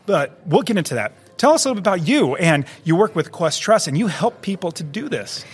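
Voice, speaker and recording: A man's voice: high-pitched, very animated, fairly quick, slightly rough. A man hosting a podcast, talking enthusiastically and rambling a little, peppering his speech with "like" and "literally", recorded on a conference floor. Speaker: podcast host. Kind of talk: conversational interview.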